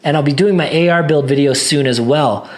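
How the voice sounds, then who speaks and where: A man's voice: a little high, fairly quick. A man talking casually to viewers in a tech review vlog, rambling with many restarts, his voice a little worn.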